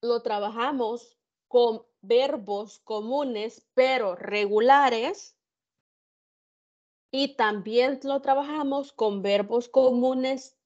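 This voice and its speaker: A woman tutor giving an online grammar lesson, explaining slowly and carefully with examples and questions to her students. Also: a little high, darkish tone, dull audio. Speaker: English tutor. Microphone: computer mic on an online class.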